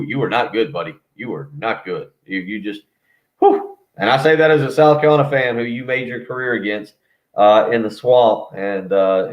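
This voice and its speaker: A man talking casual sports as a guest over the phone, rambling and interrupting himself. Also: on the low side. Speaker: radio host as call-in guest. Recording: muffled phone line.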